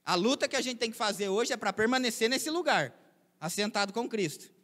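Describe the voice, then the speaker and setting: A man preaches to his congregation, his voice sitting high. He keeps the sermon conversational, throwing out rhetorical questions. The sound carries a long reverb from the church hall. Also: lively intonation, brisk, fairly bright tone. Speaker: pastor.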